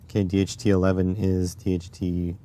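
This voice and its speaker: Raspy guy mumbling thru a stream while he tinkers, kinda dark mellow voice. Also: sits low, level tone, fairly quick. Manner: muttering to himself while working, reading chat aloud. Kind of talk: casual live-stream electronics tinkering.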